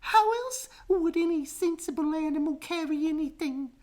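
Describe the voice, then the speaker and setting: A woman voicing a brisk, haughty mother monkey in a storybook, shrill and dismissive. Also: expressive, dark tone.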